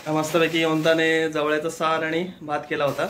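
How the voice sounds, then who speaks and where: A young man co-hosting a family vlog at home, telling viewers a story in a relaxed, chatty way. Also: on the high side, fairly quick. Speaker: vlog co-host. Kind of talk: casual home vlog chat.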